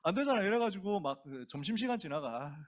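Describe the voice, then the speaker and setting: A man's voice: high-pitched, expressive, brisk. A male pastor preaching to a youth group in a casual, colloquial way, acting out the characters as he tells the story.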